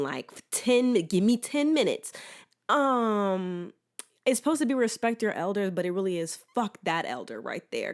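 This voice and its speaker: An American woman hosting a casual solo sports podcast with a swollen throat, rambling candidly in a slangy, self-deprecating way. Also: mid-range voice. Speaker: podcast host.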